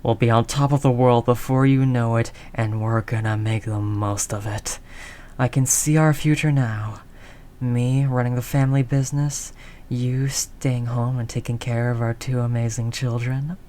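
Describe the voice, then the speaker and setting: Low-voiced and speaking at a normal speed, a woman acts as a tough yet doting mafia heiress girlfriend in an intimate audio roleplay. Her affectionate tough talk is slangy, her tone steady and dark, and her mood hopeful.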